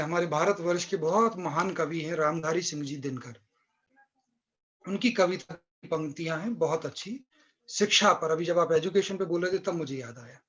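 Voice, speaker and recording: A man's voice: on the high side, a bit bright, dull audio. A man with an Indian accent teaching an online English class, switching between Hindi and English and explaining step by step. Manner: mixes Hindi and English, explains slowly, recites poetry with feeling. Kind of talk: live online class lecture.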